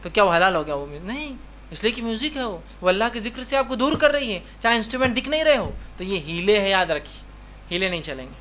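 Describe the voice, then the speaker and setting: A man's voice: sits high, big pitch swings, fairly bright tone, a little hiss or hum. A man giving a religious lecture. He talks emphatically, keeps repeating "remember" and acts out short dialogues in his examples. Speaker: Islamic preacher.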